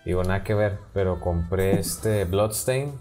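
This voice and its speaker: A man with a low voice and a northern Mexican accent chats as a podcast co-host. His talk is slangy and rambles along casually. Faint music plays behind him. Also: measured pace, warm tone. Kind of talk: casual chat about video games.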